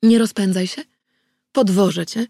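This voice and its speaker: A woman's voice: medium pitch, a little slow, gravelly, dark tone, dry recording. A woman voicing a sardonic vampire man. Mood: dry. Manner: dry, curt remarks. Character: dry, sardonic male vampire, practical and aloof.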